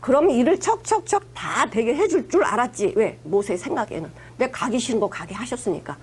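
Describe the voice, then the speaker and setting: A woman pastor delivers a sermon in a high, somewhat husky voice. She talks to the congregation in a conversational, emphatic way and slips into acted-out quotes as she retells the story. Her delivery moves between teaching and dramatized speech. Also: big pitch swings, brisk.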